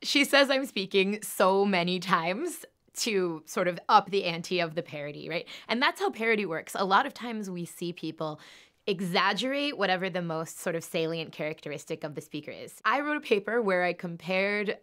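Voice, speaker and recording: Woman professor, lower pitch, analytical, explanatory interview. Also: lively intonation, normal speed, a bit bright. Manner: analytical, explains with examples and asides. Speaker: linguistics professor.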